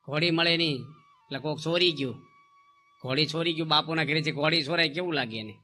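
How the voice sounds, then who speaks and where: A man, a monk, preaching a devotional sermon and telling stories, rising loud for emphasis and dropping low for asides.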